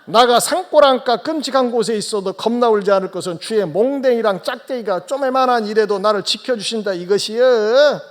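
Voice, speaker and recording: A man's voice: high-pitched, pitched above the performer's own voice, lightly acted. Man putting on a folksy South Jeolla countryman. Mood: delighted. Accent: South Jeolla dialect. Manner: exclaiming, drawn-out folksy drawl. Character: cheerful rustic Jeolla countryman reciting a psalm.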